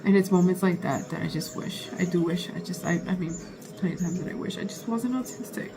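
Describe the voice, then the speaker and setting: Speaking to her own vlog in a casual, confessional way, a woman thinks aloud candidly, halting, restarting and interrupting herself often. Her voice is lowish, and there's background noise.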